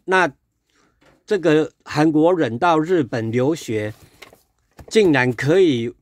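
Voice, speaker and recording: A man's voice: fairly high pitch, dry recording. Sarcastic Taiwanese man ranting dryly. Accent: Taiwanese Mandarin. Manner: sarcastic, heated, repetitive fillers. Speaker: political commentator. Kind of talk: casual political rant vlog.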